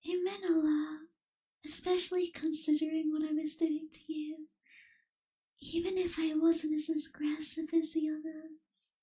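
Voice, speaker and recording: Speaking in an extremely high, girlish voice that remains soft and breathy, a woman acts as a gentle young female vampire in an intimate, scripted ASMR roleplay. Her delivery is flat and very slow, tender and edging into a whisper, with little pitch movement. The mood is grateful and gentle.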